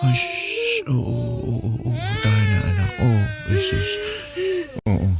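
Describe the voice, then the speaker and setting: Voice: mid-range voice, huge pitch swings, measured pace, creaky, loud music behind the voice, heavily acted. An actor playing a young husband and father in a radio drama, choked up and pleading. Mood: soothing, flustered.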